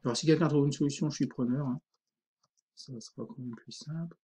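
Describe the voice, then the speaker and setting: A man teaching a screen-recorded software tutorial, informal and thinking aloud, full of fillers. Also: on the high side, fairly quick, husky.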